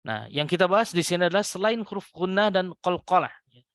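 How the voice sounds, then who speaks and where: A man teaching Quran recitation rules to adult students, patiently repeating example words slowly with a lifted voice and addressing his listeners politely. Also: high-pitched, expressive, a bit bright, no room sound, studio quality. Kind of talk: tajwid lesson to adult students.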